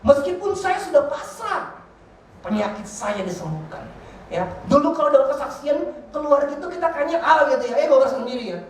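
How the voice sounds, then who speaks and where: A man giving a lively, joking sermon testimony as guest preacher in a large church hall. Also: extremely high pitch, brisk, a little hiss or hum. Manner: animated, joking, slangy. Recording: very echoey hall, voice from far off.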